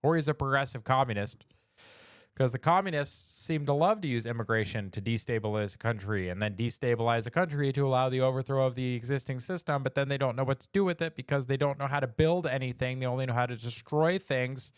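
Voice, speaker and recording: A man's voice: mid-range voice, fast talker, smooth, no room sound, clean studio sound. A man hosting a weekly news livestream, mocking and chatting with viewers. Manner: mocking, sarcastic, talks to chat. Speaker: host of a weekly news stream. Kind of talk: casual livestream commentary.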